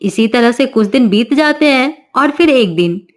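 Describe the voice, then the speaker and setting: A woman narrating a family cartoon story with a slightly high voice. Her delivery is smooth, steady and scripted. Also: measured pace.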